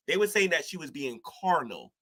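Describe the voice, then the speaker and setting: His voice sits a little high, pushed and bright, with big pitch swings at a normal speed. As an online commentator, he rambles through casual self-reflective commentary to camera, slangy with "ain't" and many restarts, preaching on the gospel and spiritual war.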